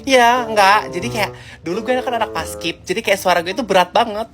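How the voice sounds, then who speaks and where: A woman playing a pick-me schoolgirl who shows off a fake deep, gruff voice. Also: fairly quick, music in the background, lightly acted. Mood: showing off. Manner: put-on deep gruff voice, showing off.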